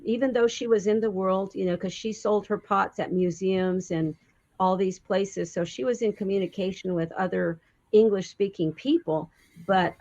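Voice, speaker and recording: A woman recalling her childhood in an interview, unhurried and reflective, often pausing with fillers. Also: on the low side, creaky, darkish tone, dull audio. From American Southwest. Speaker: interview guest. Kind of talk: storytelling in an interview.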